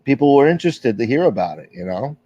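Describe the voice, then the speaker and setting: A middle-aged man runs a livestream, rambling through casual chat and viewer comments with frequent fillers and swearing, candid throughout. He talks fast in a warm, medium-pitched voice and is very animated. The stream audio sounds dull and lo-fi.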